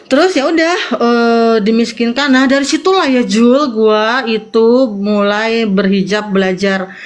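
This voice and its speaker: A woman's voice: on the high side, a little slow. A woman, a guest in a casual chat, telling a personal story in slangy talk and often repeating herself.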